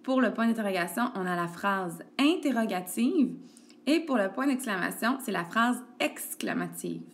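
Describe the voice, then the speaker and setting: A woman's voice: mid-range voice, lively intonation, normal speed. Patient woman teacher. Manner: patient, addresses the child directly with frequent "ok" and "donc". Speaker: elementary school teacher. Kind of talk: recorded grammar lesson for a child. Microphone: tablet screencast recording.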